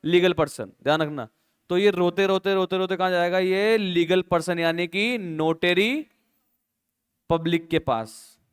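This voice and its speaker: A man's voice: high-pitched, a little slow, clear, resonant tone. A male accounting teacher from India who explains through a silly story and keeps checking that students follow. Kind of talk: classroom lecture.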